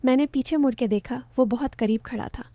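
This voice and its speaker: A young woman narrating an emotional first-person story in a soft, heartfelt, confiding way. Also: sits high, brisk, no room sound.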